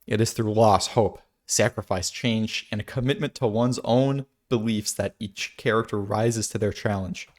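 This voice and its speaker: A man's voice: on the low side, fairly even intonation, moderate pace, hardly any pauses, a little mellow. A man giving a casual philosophical monologue, thinking aloud with restarts and asides. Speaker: video creator.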